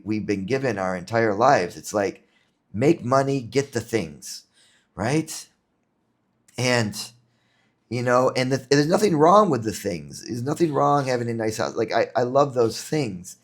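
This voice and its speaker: A man's voice: medium pitch, lively intonation, measured pace. A man from New York, an entrepreneur talking as a podcast guest in an earnest, reflective way, often repeating words as he thinks. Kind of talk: casual interview talk.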